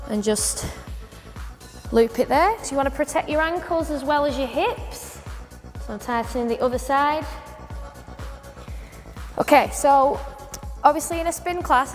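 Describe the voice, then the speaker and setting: A woman spin instructor informally explaining a bike demonstration step by step. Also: high voice. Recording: echoey hall with music behind.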